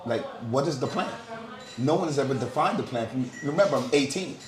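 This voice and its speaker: Animated and quick, a middle-aged man from Guyana recounts his story in a frank group discussion, hammering points home by repeating words. He is a panel speaker with a mid-range voice, heard in a roomy setting with crowd murmur.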